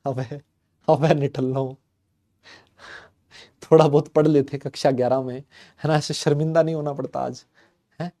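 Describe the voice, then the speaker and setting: A young man teaches a chemistry class in a fairly high voice. He teases and scolds his students playfully, then asks and answers their questions himself. When he reads a definition out he slows right down. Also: steady tone, dark tone. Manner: slows sharply to read out English definitions. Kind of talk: online exam-prep lecture.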